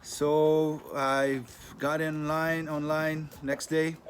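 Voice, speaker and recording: A man in his thirties from Greece with a Greek accent, talking casually to camera as a channel host in plain-spoken, unhurried English with non-native phrasing. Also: a little high, flat delivery. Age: 30s. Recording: noisy with clicking sounds.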